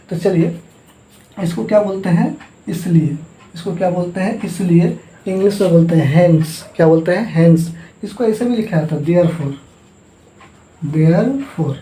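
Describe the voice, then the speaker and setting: A man's voice: high-pitched, mellow. A man teaching a math lesson, repeating each term and asking the class to say it back. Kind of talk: classroom lesson with call-and-response drilling. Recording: echoey room.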